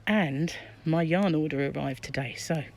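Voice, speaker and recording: A woman's voice: low voice, moderate pace, gravelly, darkish tone. Muffled British woman talking through a face mask. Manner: musing aloud to herself. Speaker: crochet vlogger. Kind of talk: casual shopping vlog, chatty commentary. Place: inside a shop aisle. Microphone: handheld phone, behind the camera. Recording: background noise, shop ambience.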